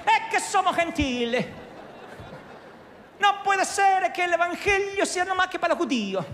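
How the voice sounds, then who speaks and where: Guy doing a loud italian soldier with a put-on italian accent, pitched way up, big echoey church. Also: expressive, measured pace, slight background noise, exaggerated voice. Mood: pleading. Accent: Italian-flavored Spanish, put on. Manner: loud, exaggerated, theatrical pleading. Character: boisterous Italian soldier praying, male, middle-aged. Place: large church hall. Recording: echoey hall with long reverb.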